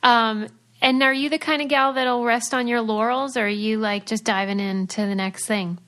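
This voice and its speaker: A woman's voice: on the high side, steady tone, normal speed, fairly bright tone. A woman podcast host asking curious, enthusiastic questions in casual chat.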